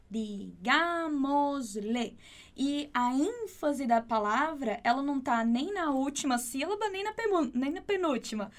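A woman teaching Spanish, explaining patiently and repeating words slowly and clearly. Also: high-pitched. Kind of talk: online language lesson.

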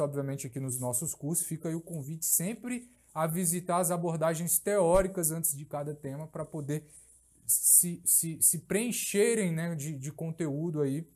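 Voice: medium pitch, darkish tone. A teacher giving a recorded course lecture, explaining step by step, repeating key phrases and checking in with tag questions.

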